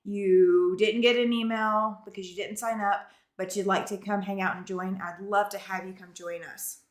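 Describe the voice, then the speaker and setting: A woman's voice: mid-range voice, fairly even intonation, normal speed. A woman chatting casually to viewers as a livestream host, in a garage studio with an empty-warehouse echo. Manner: chatty, addresses viewers directly. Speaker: livestream host of a quilting channel. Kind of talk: casual live-stream chat. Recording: echoey garage, warehouse-like room sound.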